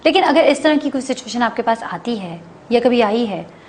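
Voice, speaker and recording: High-voiced woman hosting a talk show. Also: animated, moderate pace, a little mellow, slight background noise. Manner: frequent affirming hums, finishes guest's sentences. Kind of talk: casual interview chat.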